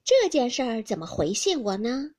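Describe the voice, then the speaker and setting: A woman voicing a young maidservant who is sharp-tongued and teasing, speaking loud and playful. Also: on the high side, very animated, normal speed. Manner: playful scolding, loud and bright.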